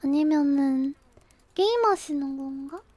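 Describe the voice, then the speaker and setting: Young female live streamer, very high cute anime-style voice, unhurried casual chat. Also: a little mellow, a little hiss or hum.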